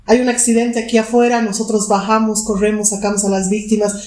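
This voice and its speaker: A woman's voice: mid-range voice, level tone, a little fast, a little mellow, echoey room. A woman psychologist, answering interview questions and explaining with vivid examples. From Bolivia. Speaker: guest psychologist.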